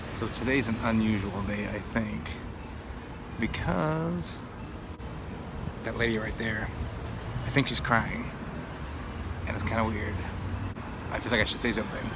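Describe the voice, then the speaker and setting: A man's voice: lowish voice, noisy background. A man chatting casually as host, in a rambling, jokey, self-deprecating way. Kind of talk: casual chat.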